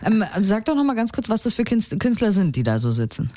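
A woman's voice: mid-range voice, big pitch swings, brisk, warm tone. Woman radio host addressing listeners. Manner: friendly, direct address to listeners. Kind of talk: radio moderation.

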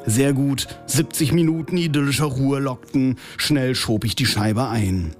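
A man's voice: medium pitch, unhurried, faint music behind. A man reading his own humorous story in a dry, ironic tone, then talking in a radio interview.

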